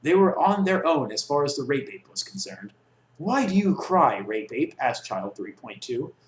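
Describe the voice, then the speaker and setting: A young adult man reads a comic story aloud in a theatrical, mock-serious style, his medium-pitched voice sing-song at normal speed. He's indoors in a small dorm room with block walls, and the bare room sounds echoey.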